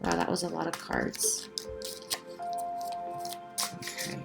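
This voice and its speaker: A woman acting as a spiritual guide gives a casual, channeled tarot reading, halting, reflective and reassuring, often checking in with the listener. Her low, creaky voice swoops wildly in pitch over loud background music.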